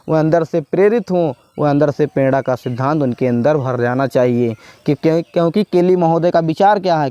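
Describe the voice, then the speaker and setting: A man's voice: fairly high pitch, darkish tone, dry recording. A male teacher gives a spoken exam-prep lesson, repeating points and asking and answering his own questions. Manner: repetitive, asks and answers own questions, says "bhaiya".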